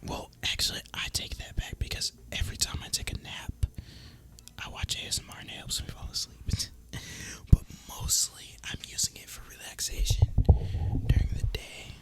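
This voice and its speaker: A man's relaxed, rambling commentary fills an ASMR gaming video, delivered as a breathy, unvoiced whisper at normal speed.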